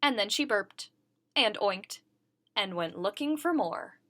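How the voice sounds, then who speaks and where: A woman reading a children's picture book aloud, expressive and voicing the characters. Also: medium pitch, slow pace. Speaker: reader. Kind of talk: children's story read-aloud.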